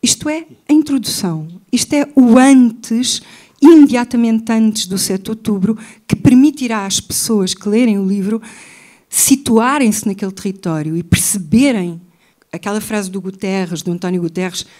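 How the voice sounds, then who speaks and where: A woman's voice: mid-range voice, normal speed, dark tone. A woman with a European Portuguese accent, a writer and journalist speaking as an interview guest, talking intensely and repeating key phrases for emphasis. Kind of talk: impassioned interview talk.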